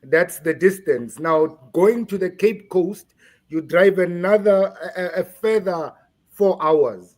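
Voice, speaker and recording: A man from South Africa being interviewed on a podcast, speaking haltingly and repeating words while he searches for them. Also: sits high, darkish tone. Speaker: guest.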